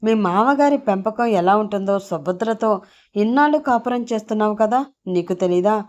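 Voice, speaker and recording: A woman voicing a calm old grandfather giving gentle advice, in a storybook reading. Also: medium pitch, moderate pace, dull audio, lightly acted.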